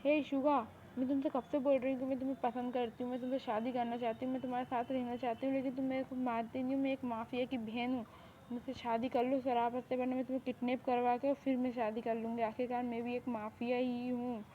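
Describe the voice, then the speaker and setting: A woman's voice: a little high, little pitch movement, quick pace, lightly acted. A woman voicing a mafia boss's spoiled, lovesick younger sister who talks in a demanding, boastful way, in a fan audio drama. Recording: tinny phone-like recording, faint hiss.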